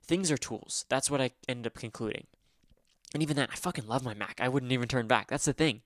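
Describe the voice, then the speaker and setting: A man's voice: medium pitch, a little fast, fairly bright tone, no room sound, studio quality. A young man rambling casually on a livestream, swearing often and making fun of himself. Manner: rambling, swears a lot, self-deprecating.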